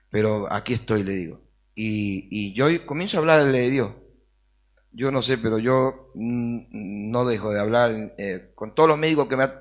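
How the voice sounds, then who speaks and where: A man sharing an earnest personal faith testimony as an interview guest, acting out the dialogue as he tells it. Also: mid-range voice. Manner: earnest storytelling, acts out dialogue.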